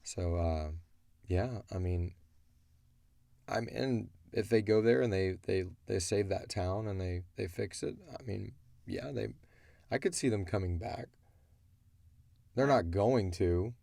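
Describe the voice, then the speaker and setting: Speaking slowly with vocal fry and frequent pauses, this man has a dark voice on the low side, captured in a dry recording. He makes audio drama and answers listener questions, rambling colloquially through his story and often voicing his characters' inner thoughts.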